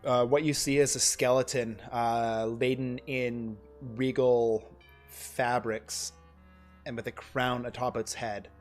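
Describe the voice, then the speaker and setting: A man's voice: medium pitch, level tone, slow pace, soft background music. A man narrating a tabletop game as game master on a stream, describing scenes in a loose, rambling way with many fillers.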